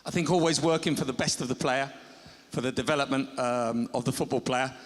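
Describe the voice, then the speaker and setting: A man with a Chilean accent addresses a conference in a mid-pitched voice. He explains things informally, with frequent pauses. His words carry a long reverb from a big hall. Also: fairly even intonation. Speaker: conference speaker, national federation football coach. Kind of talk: informal workshop summary presentation. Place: large conference hall stage.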